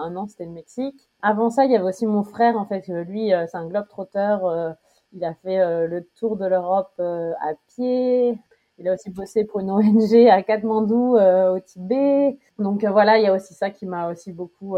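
A woman's voice: mid-range voice, dark tone. A woman in her thirties, from France, being interviewed. She talks casually, with many hesitations and frequent laughter. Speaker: interview guest. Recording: dull lo-fi sound.

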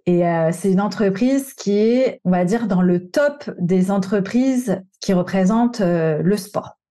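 Speaking a little slowly in a dark, mid-range voice, a woman in her thirties from France's Paris region tells how her career unfolded. She works as a coach and hosts a podcast, and her storytelling is frank, conversational and somewhat slangy.

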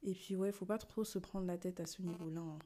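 Chatty young woman, mellow voice. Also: on the low side, a little fast. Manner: chatty, expressive, drops in English words. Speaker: podcast host. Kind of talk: casual chat to listeners. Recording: poor sound quality.

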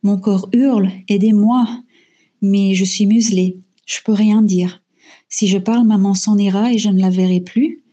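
A woman recounts her own story in the first person, pausing often on fillers and repeating words as she searches for them. Her voice is mellow and warm, with a husky, breathy edge. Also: medium pitch, steady tone. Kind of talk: first-person spoken testimony. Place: lives in Belgium.

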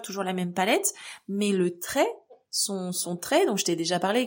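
A young woman from France hosting a solo podcast, talking in a relaxed, conversational way with frequent fillers. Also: medium pitch. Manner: conversational, many fillers and restarts. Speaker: podcast host.

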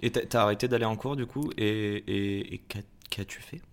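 A young man hosting a podcast in casual, lively conversation, swearing and laughing freely. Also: on the low side, normal speed. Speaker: podcast host. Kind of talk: casual interview chat.

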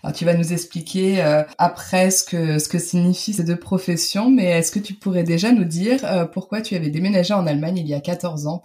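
A woman's voice: lowish voice, fairly quick, hardly any pauses, dark tone. A French woman in her thirties hosting a podcast interview, asking friendly, chatty questions with fillers. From France. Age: 30s. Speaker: podcast host.

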